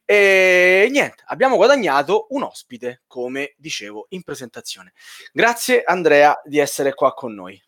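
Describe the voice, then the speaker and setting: A man's voice: fairly high pitch, big pitch swings, a little slow, fairly bright tone. A man hosting a podcast in casual chat, with a playful, teasing manner. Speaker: podcast host.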